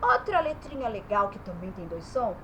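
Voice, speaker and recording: A woman's voice: mid-range voice, big pitch swings, moderate pace, fairly bright tone, slight background noise, rough recording. A woman teaching young children about letters and vowel sounds in her bedroom, stretching the vowels as she speaks.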